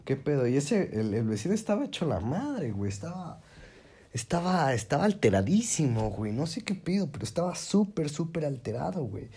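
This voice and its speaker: A man's voice: fairly quick, husky. Slangy young Mexican guy telling a story. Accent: Mexican Spanish. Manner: slangy, profane, fillers constantly; animated, pitch jumping when excited. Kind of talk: casual storytelling.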